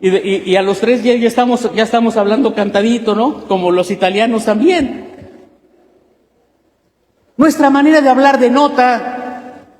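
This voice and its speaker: High-voiced Mexican pastor preaching. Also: male voice, moderate pace, long pauses, darkish tone, a little hiss or hum. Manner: emphatic, asks many rhetorical questions. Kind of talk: sermon. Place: church. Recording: echoey church hall.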